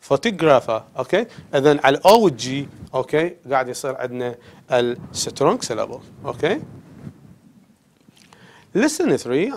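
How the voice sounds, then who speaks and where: On television, a man with an Iraqi Arabic accent teaches an English lesson, explaining in a blend of Arabic and English and frequently asking "okay?". His voice sits on the high side with a darkish tone.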